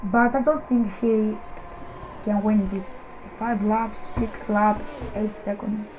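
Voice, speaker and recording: A woman giving live motorsport commentary, following the race move by move in halting, non-fluent English. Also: medium pitch, level tone. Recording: muffled lo-fi audio with background noise.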